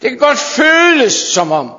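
A man preaching a fervent sermon to his congregation, sometimes dropping to hushed intensity. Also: very high-pitched, very animated. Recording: dull sound in a long-reverb hall.

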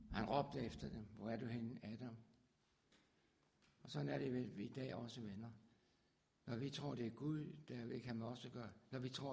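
A middle-aged man from Denmark preaching a charismatic sermon, swinging from hushed tones up to fervent shouts. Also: medium pitch, creaky.

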